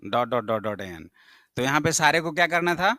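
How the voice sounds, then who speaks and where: A man's voice: a little high, animated, moderate pace, sharp tone, no echo. A male math teacher, lecturing a classroom and firing questions at his students, sometimes scolding them.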